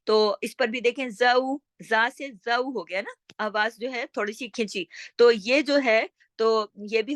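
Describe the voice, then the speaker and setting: A woman's voice: fairly high pitch, a bit bright, no echo, clean studio sound. A woman teaching a tajweed lesson online, patiently explaining and repeating, often asking the viewer a question and answering it herself. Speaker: Quran recitation teacher.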